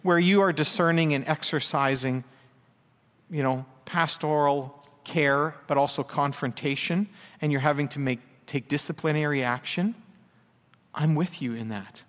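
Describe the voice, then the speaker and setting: A man's voice: on the high side, normal speed, a bit bright, big-room sound. A male pastor, preaching a conversational sermon with asides and dry jokes.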